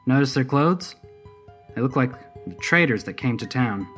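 A man's voice: medium pitch, animated, moderate pace, fairly bright tone, faint music behind, voice pushed up, natural voice. A man voicing a tough, swearing woman sheriff who covers her fear with brash bravado. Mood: terse. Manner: brash, profane bravado over nerves.

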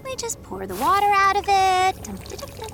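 A woman voicing a bubbly, playful young girl hero in an animated adventure. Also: very high voice, brisk, over music, full character voice. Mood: cheerful. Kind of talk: animated adventure cartoon acting.

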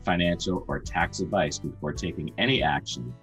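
Deep male voice reading a legal disclaimer. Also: normal speed, fairly bright tone, soft background music. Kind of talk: scripted legal disclaimer read.

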